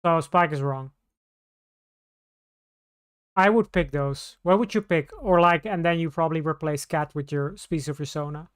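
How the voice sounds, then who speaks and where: A woman streamer chats casually with her viewers, rambling and often restarting mid-sentence. Her voice sits low and sounds smooth and clear. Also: moderate pace, pauses often. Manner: rambling, scattered, with many restarts. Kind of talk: casual live-stream chat.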